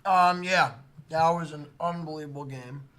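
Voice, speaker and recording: A man's voice: on the high side, moderate pace, pushed and bright. Man rambling about baseball. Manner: rambling, filler-heavy. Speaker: baseball livestream co-host. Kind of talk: casual fan chat.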